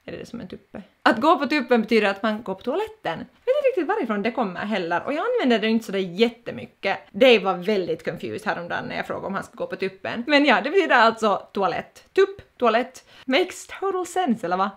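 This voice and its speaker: Woman vlogger, 20s, Finland Swedish accent, playful and chatty, lively swooping pitch, voice on the high side. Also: hardly any pauses. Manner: playful, drops in English phrases. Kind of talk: casual vlog explaining words.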